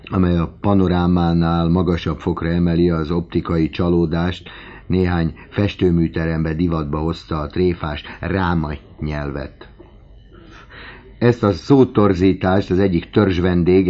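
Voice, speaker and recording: A man calmly reading a novel aloud as an audiobook narrator, on a dull lo-fi recording. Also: low-pitched. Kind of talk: scripted narration.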